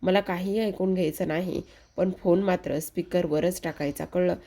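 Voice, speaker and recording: A woman reading the lines of a stern, angry brother giving orders, in a low, mellow voice close to her own. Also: steady tone, normal speed, vocal fry.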